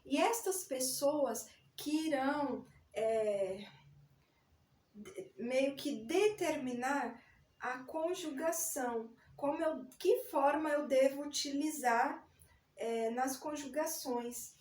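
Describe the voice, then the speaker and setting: High-voiced woman teaching grammar slowly. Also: a little mellow, recorded from a distance, a little hiss or hum. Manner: patient, explains step by step and spells words out. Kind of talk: recorded grammar lesson. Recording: echoey room, voice a bit off-mic.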